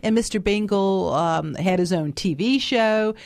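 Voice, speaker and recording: A woman's voice: mid-range voice, a little slow, vocal fry, darkish tone, no room sound. A woman, a guest chatting casually in an interview with many fillers and restarts. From New Orleans. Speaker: guest author.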